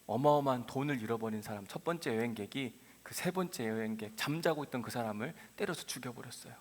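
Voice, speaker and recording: A male pastor preaching a sermon in a church sanctuary as animated storytelling. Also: medium pitch, fast talker. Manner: animated storytelling, acting out quotes. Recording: reverberant church hall.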